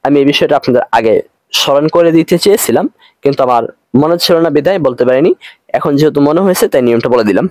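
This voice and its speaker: A man with a Bangladeshi Bengali accent teaching an online Arabic grammar lesson, patient and repetitive, slowing down for each Arabic phrase. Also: on the high side, lively intonation, a little mellow, no room sound.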